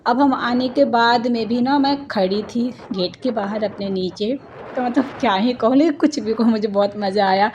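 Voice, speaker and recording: A woman's voice: on the high side, normal speed, a little mellow, highs cut off, a little hiss or hum. A woman in her thirties from India, narrating her family vlog in a chatty, rambling way full of homely asides. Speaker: family vlogger, mother.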